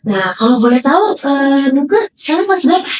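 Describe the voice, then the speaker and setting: A chatty woman hosts a casual interview, filling pauses with "eh". Her voice sits fairly high and sounds a little distant from the microphone. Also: very animated. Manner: chatty, upbeat, many fillers. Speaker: host.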